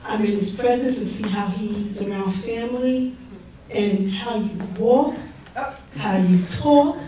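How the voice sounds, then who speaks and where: A middle-aged woman, the groom's aunt, giving a heartfelt, halting wedding toast with little laughs between phrases. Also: mid-range voice, dark tone. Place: wedding reception hall. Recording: echoey hall, distant mic, background noise.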